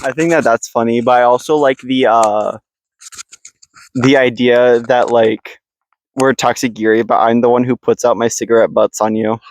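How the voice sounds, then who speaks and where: Young male co-host, deadpan teasing, mid-range voice, dry close sound, outdoors. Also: medium pitch, normal speed, dry recording, rough recording. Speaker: podcast co-host. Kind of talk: casual chat. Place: outdoors in the woods. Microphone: handheld mic passed between speakers.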